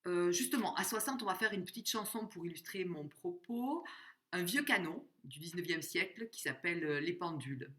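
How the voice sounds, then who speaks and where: A woman giving a spoken music lesson, explaining slowly, singing short examples and counting out the beats. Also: on the low side, expressive, a bit bright. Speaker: music teacher.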